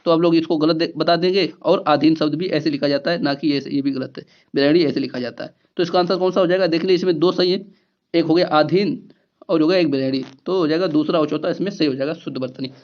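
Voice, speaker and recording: A man with a fairly high voice teaches an exam-prep grammar lesson. He goes through each point slowly, repeating key words and asking questions back to the class. The recording sounds dull and lo-fi. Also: steady tone. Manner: explains step by step, repeats key words, asks rhetorical questions.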